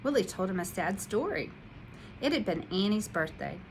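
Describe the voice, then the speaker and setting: A woman, an instructional coach, reading a children's picture book aloud in an expressive, animated way. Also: medium pitch, moderate pace, a little hiss or hum, low-quality recording.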